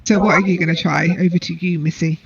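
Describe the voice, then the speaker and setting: A woman's voice: fairly low pitch, steady tone, fast, creaky, slightly rough, no room sound. English woman, casual chat, rambling and self-deprecating, muffled lo-fi recording. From England. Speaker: co-host. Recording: dull lo-fi audio.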